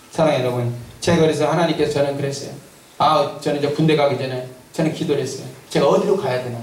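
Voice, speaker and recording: A man's voice: on the high side, darkish tone, slight background noise. A male pastor giving an emphatic testimony sermon in a church sanctuary, telling his story and drawing amens from the congregation. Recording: echoey church from a distance.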